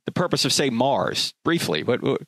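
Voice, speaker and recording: A man's voice: mid-range voice, big pitch swings, moderate pace, fairly bright tone, no echo. A man hosting a radio interview show in a conversational way, asking questions and wrapping up segments.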